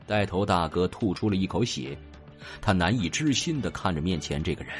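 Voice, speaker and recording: A man narrating an audio drama with dramatic, expressive storytelling, with faint music behind him. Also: low voice, brisk.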